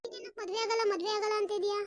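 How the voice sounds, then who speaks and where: A woman voicing a caring but scolding elder sister-in-law in a village cartoon, firing rapid nagging questions. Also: very high voice, fairly even intonation. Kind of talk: cartoon voice acting.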